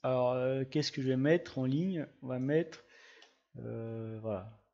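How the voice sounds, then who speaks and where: A man giving a casual screen-recorded software tutorial, chatting through each click with little sound words. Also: mid-range voice, takes it slowly, creaky, highs cut off. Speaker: GIS tutorial presenter.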